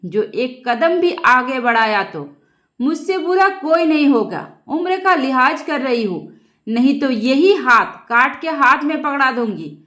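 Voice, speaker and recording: A woman's voice: high voice, expressive, measured pace, fairly bright tone. A woman voicing a defiant young daughter-in-law who scolds in an angry outburst. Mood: furious.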